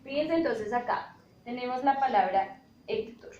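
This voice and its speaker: Woman teacher, slow and patient, slightly high voice, echoey room. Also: expressive, dark tone, muffled recording, slight background noise. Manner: slow and patient, checks in often with "¿listo?". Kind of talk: spanish grammar lesson.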